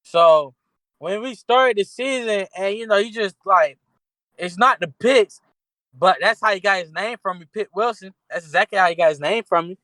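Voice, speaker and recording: High-voiced casual sports podcast man. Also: moderate pace, pushed and bright, dry recording. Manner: casual slangy talk, rambling restarts. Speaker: podcast co-host.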